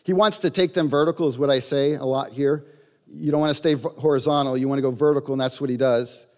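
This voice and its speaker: A man's voice: medium pitch, fairly even intonation, quick pace, darkish tone. Male pastor preaching in a reverberant hall. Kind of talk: sermon. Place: church sanctuary.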